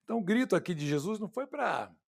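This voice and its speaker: Emphatic Brazilian pastor preaching a sermon. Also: male voice, high-pitched, big pitch swings, fast, vocal fry. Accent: Brazilian Portuguese. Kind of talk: expository sermon.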